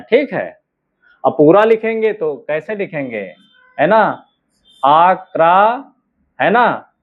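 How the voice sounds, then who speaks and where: A man teaching shorthand outlines word by word. He stretches out each word and keeps checking with "ठीक है" and "है ना". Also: on the high side. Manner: slow, drawn-out words, frequent "ठीक है" and "है ना" checks. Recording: narrow phone-like sound.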